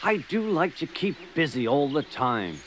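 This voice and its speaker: A man voicing a gentle old traction engine, eager and easily delighted. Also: mid-range voice, big pitch swings, measured pace, slight background noise, voice pushed up. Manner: eager, sighing, childlike joy.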